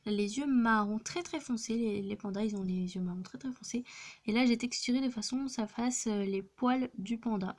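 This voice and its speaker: A woman's voice: a little high, normal speed. Hesitant young girl showing her crafts. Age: young teen. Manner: hesitant, many fillers and restarts. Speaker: craft vlogger. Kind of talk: casual show-and-tell narration. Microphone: phone.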